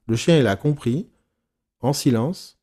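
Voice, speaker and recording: A man leading a casual teaching session for therapists, frank and animated, swearing casually and acting out his examples. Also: medium pitch, measured pace. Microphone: recorded live session, on YouTube.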